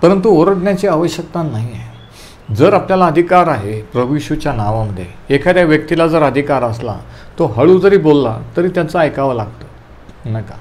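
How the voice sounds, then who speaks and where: A man leading a Bible study, teaching calmly and telling listeners to underline verses, with English terms mixed in. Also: a little high, normal speed. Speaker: preacher.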